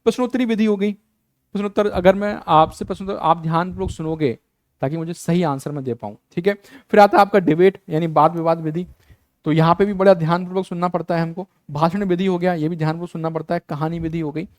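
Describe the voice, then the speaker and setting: High-voiced man giving an exam-prep lecture. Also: steady tone, quick pace, no room sound, clean studio sound. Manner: repeats key terms, asks the class rhetorical questions; casual, mixes English words into his speech. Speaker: teacher.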